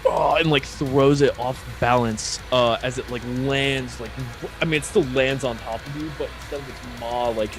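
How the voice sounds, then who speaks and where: A man running a tabletop game as game master, narrating loosely with lots of likes and ums. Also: mid-range voice. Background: faint music he is playing.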